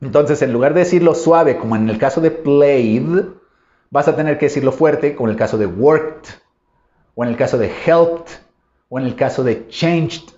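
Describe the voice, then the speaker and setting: A man's voice: mid-range voice, brisk, dark tone. A man teaching English in an online lesson, patiently explaining rules and drawing out example words to show their sounds. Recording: roomy echo, dull lo-fi sound.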